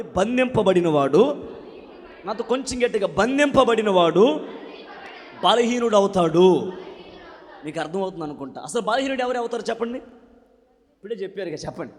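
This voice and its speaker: High-voiced preacher in a reverberant hall. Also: male voice. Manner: call-and-response, urging the crowd to repeat and shout back; swings from loud shouted preaching to quiet joking asides. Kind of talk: sermon. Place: church prayer meeting hall.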